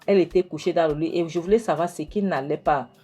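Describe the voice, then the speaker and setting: A woman's voice: low-pitched, fast talker, mellow, husky, faint music behind. A woman playing a pleading accused man. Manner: pleading, insistent.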